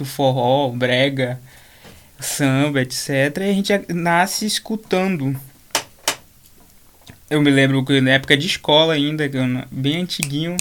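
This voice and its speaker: A man's voice: on the high side, slight background noise. Young man. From Manaus, Brazil. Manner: thoughtful, frequent restarts and tag questions. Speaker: guest, creator of a page about funk. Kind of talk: casual interview talk.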